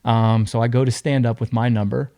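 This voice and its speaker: A young man tells a story as a podcast guest, lively and full of acted-out quotes. His voice is dark and mellow. The sound is dry, close to the mic. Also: mid-range voice, brisk, clear, resonant tone, no room sound. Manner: animated, acts out other people's lines. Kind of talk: casual storytelling.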